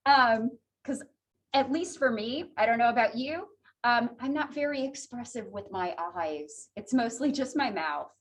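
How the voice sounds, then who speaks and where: High-pitched woman teacher giving a lecture, chatty and laughy, talks to the class casually. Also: unhurried. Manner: chatty, laughs often, animated and conversational. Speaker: psychology instructor.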